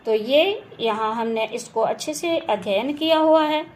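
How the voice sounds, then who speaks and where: A woman with a slightly high, slightly slow voice and a darkish tone teaches Hindi grammar for exam prep, checking answers aloud and patiently spelling words out sound by sound. She's at home beside a railway track, with faint household ambience and the occasional passing train.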